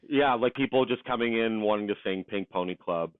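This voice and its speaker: A man who is a podcast guest, chatting casually and hesitantly with many pauses and restarts, over a remote call. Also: fairly low pitch, clean tone, dry recording. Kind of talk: casual chat. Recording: tinny phone-like line.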